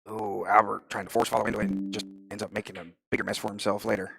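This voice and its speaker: A man's voice: lowish voice, flat delivery, fast, creaky, fairly bright tone, breathy edge, no room sound, rough recording. A man giving casual live play-by-play of a pool match, thinking aloud about shot choices. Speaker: pool commentator.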